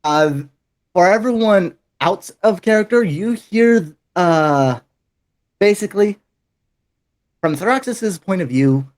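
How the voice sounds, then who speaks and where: A man's voice: high voice, animated, slow pace, long pauses. A man narrating as dungeon master in a tabletop role-playing game, with hesitant fillers.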